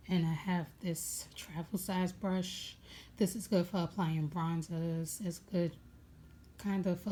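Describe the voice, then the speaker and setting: This beauty vlogger, a young woman, rambles with plenty of fillers as she explores her makeup bag at home. Her voice is raspy, fairly low and dark, and a bit of background noise can be heard.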